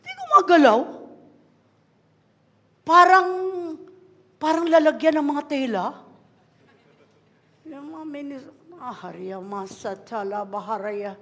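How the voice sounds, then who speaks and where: A woman pastor with a Filipino accent preaching a sermon in a large church hall, swinging from quiet asides to loud shouted commands. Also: sits high, animated, takes it slowly, long pauses. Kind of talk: animated Taglish sermon. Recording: long hall reverb.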